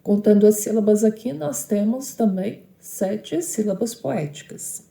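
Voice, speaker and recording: A woman's voice: medium pitch, measured pace, creaky, mellow, reverberant. A woman teaching a lesson on poetic meter, explaining step by step and often checking in with short tag questions.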